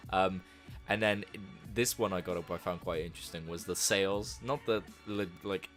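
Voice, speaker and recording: Young male podcast co-host, low voice, animated chatty delivery, light music bed. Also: moderate pace. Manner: animated, laughs often, acts out quoted voices. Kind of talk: casual chat.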